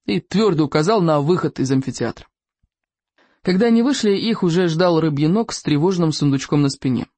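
An audiobook narrator reading a children's adventure story in an animated, theatrical way. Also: medium pitch, a little fast, no room sound.

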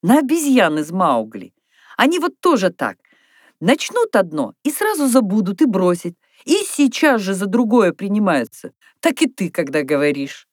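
A woman reading aloud, voicing a lively young girl who dreams of being an artist. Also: medium pitch, normal speed, dry recording, studio quality, pitched above the performer's own voice. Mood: eager. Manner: eager, bright, storytelling.

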